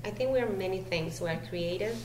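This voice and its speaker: A woman's voice: medium pitch, quick pace, a little mellow, a little hiss or hum. Earnest woman in an echoey room. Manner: earnest, searching for words. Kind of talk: panel discussion.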